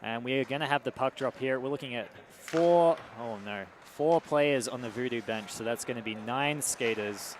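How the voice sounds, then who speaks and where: A man calls an amateur hockey game from a rink booth, chatty and easygoing, slipping into joking asides when he reads out sponsors. His voice sits at an ordinary middle pitch. A faint hum of noise runs under the booth recording. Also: moderate pace, few pauses. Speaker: play-by-play commentator.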